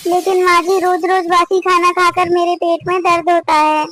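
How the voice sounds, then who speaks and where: A woman's voice: very high voice, level tone, normal speed, fairly bright tone, soft background music. A woman voicing an overworked young daughter-in-law in a cartoon family drama, pleading and complaining. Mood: plaintive. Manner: pleading, plaintive.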